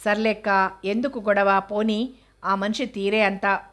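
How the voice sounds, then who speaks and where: A woman reading the part of a gentle teenage student who talks softly and worries about her family. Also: mid-range voice, level tone, unhurried, close to an everyday voice. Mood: worried.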